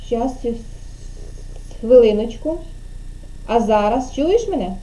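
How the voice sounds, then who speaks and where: Her voice is a little high and dark in tone, with lively intonation and a slightly slow delivery. She's a kindergarten teacher running an online speech lesson for a child by video call, patiently stretching out syllables and offering prompts.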